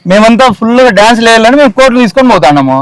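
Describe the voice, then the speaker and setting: A man talks offhandedly in a comedy sketch. His voice is high and his pace quick. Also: lively intonation, clear, resonant tone, no echo, poor audio.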